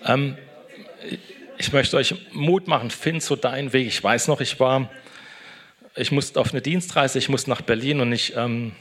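Middle-aged pastor, casual devotional talk, chatty, mid-pitched voice, tags lines with "ne?". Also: male voice, unhurried, a bit bright. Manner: chatty, tags sentences with a questioning "ne".

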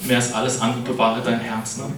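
Captured by a distant mic in an echoey hall with background noise, a middle-aged preacher talks at a quick pace with medium pitch and little pitch movement. His sermon is casual and chatty, and he keeps asking his listeners "ne?" to address the congregation.

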